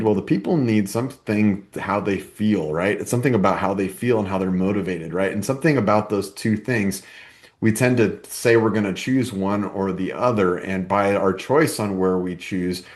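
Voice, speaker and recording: A man's voice: on the low side, normal speed, darkish tone. A man co-hosting a podcast, explaining ideas in a casual way and telling workplace stories, with many asides and "right?"s. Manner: storytelling, lots of "right?" and "kinda", acts out coworkers. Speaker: podcast co-host.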